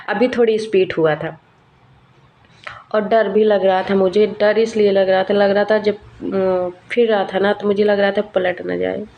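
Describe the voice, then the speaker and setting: A woman's voice: mid-range voice, fairly even intonation, unhurried, creaky, darkish tone. A young woman vlogger and mother, narrating casually in a chatty storytelling way. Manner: chatty, storytelling, laughs often.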